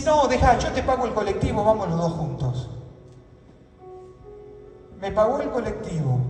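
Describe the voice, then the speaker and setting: Argentine male pastor, storytelling sermon turning to shouts, soft music under, echoey hall. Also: high-pitched. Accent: Argentine Spanish. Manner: storytelling, rising to shouted fervor. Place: church hall. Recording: echoey hall, distant mic, music behind.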